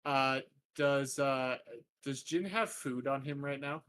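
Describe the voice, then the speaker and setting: A man playing a tabletop game in casual chat, excitable and jokey, stammering as he talks. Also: mid-range voice, takes it slowly, slight background noise. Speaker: player.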